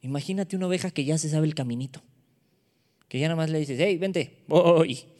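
A man preaches a sermon in a fairly high voice. He keeps it playful, firing off rhetorical questions. The sound carries a long reverb, as in a large hall. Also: fast, dark tone.

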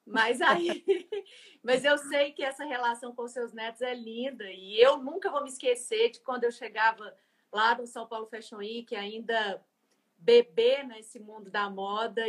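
A woman's voice: fairly high pitch, unhurried. A woman hosting an interview, speaking in a reflective, searching way. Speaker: host. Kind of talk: interview conversation.

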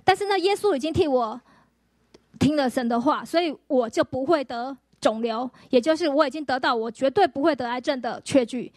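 A woman pastor, giving a lively healing testimony sermon full of acted-out quotes and rhetorical questions. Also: high voice, brisk, dry recording, studio quality.

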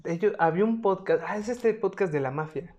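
A woman's voice: medium pitch, a little fast, dark tone, lo-fi sound. A young woman with a Mexican accent, co-hosting a podcast in casual chat with slang and swearing. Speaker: podcast co-host.

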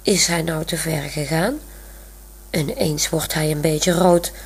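Calm female storyteller, husky, slow. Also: deep voice. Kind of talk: radio story reading.

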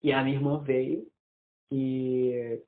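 A man in his twenties telling a personal story in casual conversation, animated and often restarting his sentences. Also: medium pitch, takes it slowly. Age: 20s. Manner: animated, acts out quoted dialogue, many restarts. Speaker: interviewee. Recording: tinny phone-like audio.

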